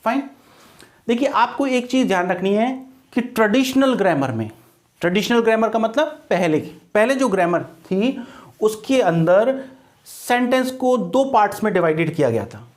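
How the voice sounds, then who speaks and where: Indian man teaching English grammar. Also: high voice. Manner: explains patiently, repeats points and quizzes the listener. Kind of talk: grammar lesson for exam students.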